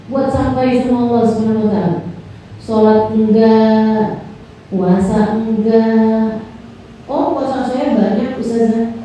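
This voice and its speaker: Woman preacher, animated sing-song sermon; distant mic, faint background noise. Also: a little high. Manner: animated, sing-song, acts out quoted voices. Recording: echoey hall, voice from far off, faint noise.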